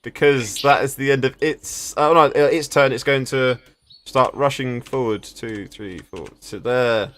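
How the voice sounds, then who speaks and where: A man's voice: medium pitch, a little slow, fairly bright tone. A man narrating a tabletop game as game master, stammering through restarts and chuckling at the table.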